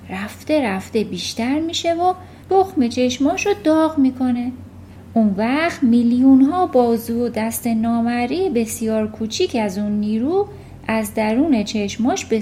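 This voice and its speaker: High-voiced woman reading a children's novel. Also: a little hiss or hum. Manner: calm, storytelling. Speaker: audiobook narrator.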